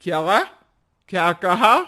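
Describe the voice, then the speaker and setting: Rajesh, an easygoing young husband. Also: male voice, high-pitched, slow pace, pushed and bright, full character voice. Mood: reassuring. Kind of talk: cartoon voice acting.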